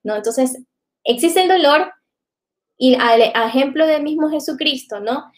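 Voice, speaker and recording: A woman's voice: high-pitched, a little slow. A woman giving a reflective live faith talk to viewers, often tagging her sentences with "¿no?". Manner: reflective, many filler tags like "¿no?".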